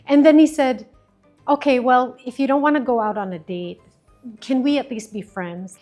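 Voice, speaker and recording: A woman in her fifties, an interview guest, telling a story in a casual, animated way and acting out quoted lines while mixing English and Filipino. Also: sits high, moderate pace, faint music behind.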